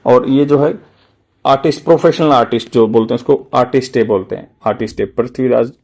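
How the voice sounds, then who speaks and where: A man teaching English vocabulary, explaining in Hindi and repeating words slowly to drill their pronunciation. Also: mid-range voice, steady tone, darkish tone. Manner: slow, drawn-out word-by-word pronunciation drills. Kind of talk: newspaper vocabulary lesson.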